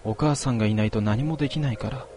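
A man voicing a gentle, sad-eyed middle-aged mother who speaks softly and kindly in a story reading. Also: mid-range voice, fast talker, a little hiss or hum, lightly acted. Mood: gentle, caring. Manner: soft, kindly, concerned.

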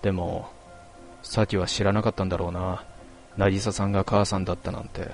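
Low-voiced man narrating a story. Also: flat delivery, normal speed, faint music behind. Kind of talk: first-person story narration.

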